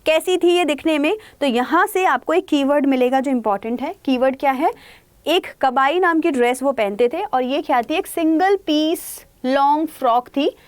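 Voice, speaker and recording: A young woman teacher with an Indian accent, giving an online lesson in Hindi mixed with English. She asks and answers her own questions and reads passages out slowly. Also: sits high, dry recording. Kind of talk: online exam-prep lesson.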